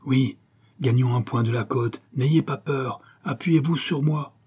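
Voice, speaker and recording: A man reading a novel aloud, voicing a loyal, gruff Breton servant who gives firm, urgent commands. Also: mid-range voice, a little slow, a little mellow, voice pushed up.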